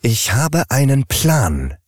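A man's voice: mid-range voice, big pitch swings, normal speed, a little mellow, husky, no room sound, studio quality, voice pushed up. A man reading an audiobook, voicing an earnest, worried smart refrigerator. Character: anxious smart fridge, worried leader.

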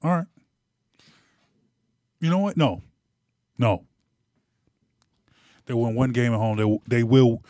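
A man's voice: mid-range voice, animated, slow pace, long pauses, darkish tone, dry recording, clean studio sound. A man hosting a casual sports podcast from his home man cave, playful and rambling, repeating words, a little tipsy. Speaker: podcast host.

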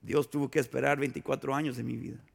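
A pastor preaching a sermon in a conversational, storytelling way, full of rhetorical questions and acted-out anecdotes. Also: male voice, medium pitch, little pitch movement, fast talker, vocal fry, breathy edge. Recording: long hall reverb.

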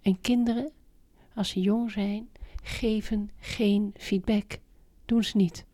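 A woman's voice: medium pitch, steady tone, takes it slowly, warm tone. A middle-aged woman as an interview guest, talking emphatically about raising children and repeating her key points. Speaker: interview guest, parenting expert. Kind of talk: conversational interview.

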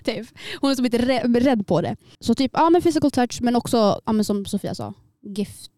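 A young woman with a fairly high voice chats on a podcast. She talks hesitantly, with many fillers, and laughs easily. The sound is dry and close to the mic. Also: expressive, warm tone, dry recording. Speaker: podcast co-host. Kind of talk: casual chat.

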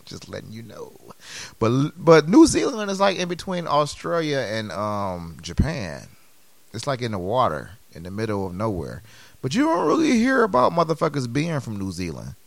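Brief: male podcast co-host, lively pitch, rhetorical and animated. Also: moderate pace, gravelly, dry recording. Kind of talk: casual podcast banter.

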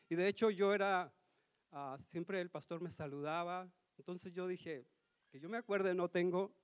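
A man's voice: sits high, smooth, dry recording. A man giving a sermon as a guest preacher in a church, telling a personal story in an earnest, slightly nervous way. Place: church hall.

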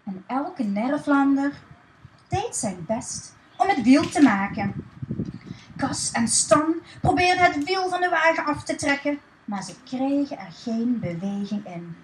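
A woman reading a children's story aloud in a lively, expressive way. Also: sits high, unhurried, echoey room, slight background noise, poor audio.

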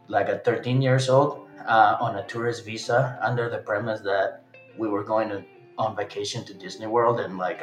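A man in his thirties from Chile, telling his own story in a relaxed, halting way with frequent restarts. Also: on the low side, roomy sound, low-quality recording. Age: 30s. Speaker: interviewee, organizer. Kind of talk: casual storytelling.

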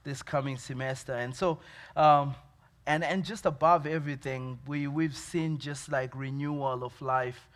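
A man's voice: medium pitch, steady tone, a little slow, a bit bright. A man from Zimbabwe with a Zimbabwean accent, a pastor giving a church update with many fillers and restarts.

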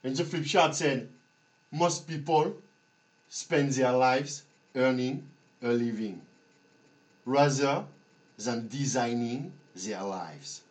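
Man, slow pace, mid-range pitch, halting delivery, long pauses, motivational podcast monologue. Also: low-quality recording. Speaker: podcast host.

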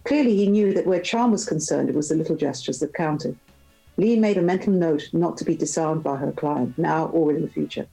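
A woman author reading a passage of her novel aloud in measured narration. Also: deep voice, vocal fry, warm tone, soft background music, low-quality recording.

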